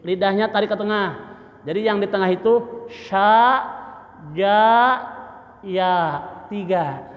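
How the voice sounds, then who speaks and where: A man teaches Quran recitation at a slow pace, sounding out letters and repeating syllables for his listeners. The recording carries a long reverb from the mosque hall. The sound is dull and lo-fi. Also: sits high. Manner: demonstrates letters slowly, repeating sounds, light joking. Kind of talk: tajwid lesson with drilled pronunciation.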